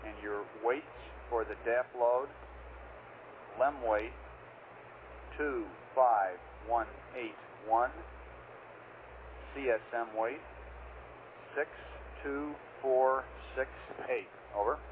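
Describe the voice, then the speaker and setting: Give me a man on a radio link, a mission control communicator reading numbers slowly and deliberately. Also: mid-range voice. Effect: heard over a radio link. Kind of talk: radio air-to-ground exchange. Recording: tinny radio transmission with faint noise.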